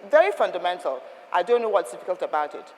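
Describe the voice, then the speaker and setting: Woman, etiquette trainer; firm, emphatic, questioning delivery, expressive pitch, roomy hall sound. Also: fast. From Nigeria. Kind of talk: instructive talk to a group. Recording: long reverb of a hall.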